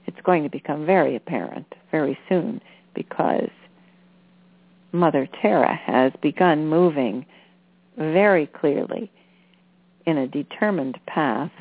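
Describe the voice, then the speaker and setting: A woman delivering a channeled spiritual message in a deliberate, soothing manner with halting phrases. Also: low-pitched, animated, slightly rough, no room sound. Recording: phone-like narrow-band sound.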